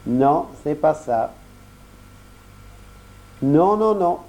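A man's voice: a little high, animated, very slow, warm tone. A man reading a children's story aloud, addressing the young listener directly and explaining as he goes.

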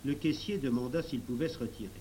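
A man reading a children's novel aloud in measured storybook narration. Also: mid-range voice, warm tone, low-quality recording. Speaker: audiobook narrator.

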